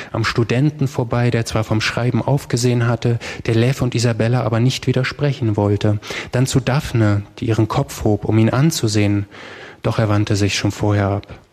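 A man narrating a story aloud in a steady, measured reading voice. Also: mid-range voice. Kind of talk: audiobook narration.

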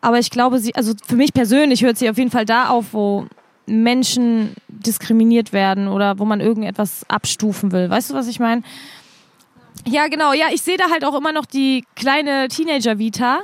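A woman's voice: a little high, steady tone, fairly quick, no echo. A young woman rapper as an interview guest, talking casually and directly, often checking in with "you know". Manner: colloquial and direct, keeps asking "weißt du".

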